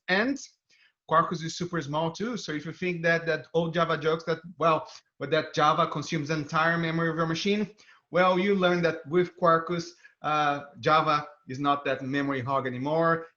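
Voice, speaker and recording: A man with a Brazilian accent and a fairly high, bright, forceful voice delivers an upbeat tech talk as a developer advocate. He walks viewers through a live coding demo with real enthusiasm. The video stream audio sounds dull and band-limited.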